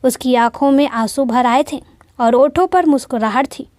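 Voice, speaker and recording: A woman's voice: sits high, moderate pace, darkish tone, no room sound, clean studio sound. A woman narrating a moral love story in a plain storytelling manner.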